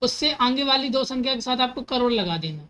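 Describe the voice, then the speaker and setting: Bright-voiced woman teaching math. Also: high-pitched, expressive, fairly quick, low-quality recording. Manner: repeats steps and asks herself questions, corrects slips. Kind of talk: explaining a math lesson step by step.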